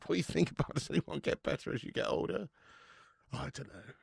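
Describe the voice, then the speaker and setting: A man's voice: fairly high pitch, creaky, slightly rough, dry recording, studio quality. A man, hosting a football watch-along and bantering with chat, laughing and swearing freely. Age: 30s. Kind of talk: casual live-stream chat.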